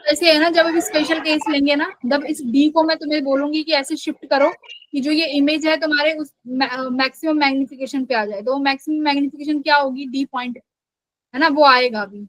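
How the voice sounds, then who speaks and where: High-voiced woman teaching physics. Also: steady tone, fairly quick, a bit bright, no echo, low-quality recording. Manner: patient, explanatory, checks understanding often. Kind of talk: live online class lecture.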